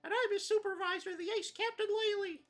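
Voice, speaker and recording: A man voicing an excitable, bossy female bat sidekick from a video game in a shrill falsetto. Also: fairly quick. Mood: brash.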